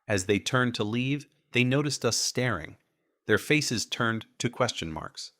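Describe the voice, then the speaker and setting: A man reading an audiobook in steady, measured first-person narration. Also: medium pitch, no room sound.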